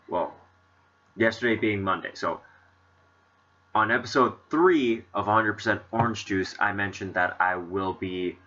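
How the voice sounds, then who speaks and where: A man's voice: low-pitched, bright, forceful tone, muffled recording. A man hosting a let's play, chatting casually in a rambling way with lots of fillers. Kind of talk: casual gameplay commentary.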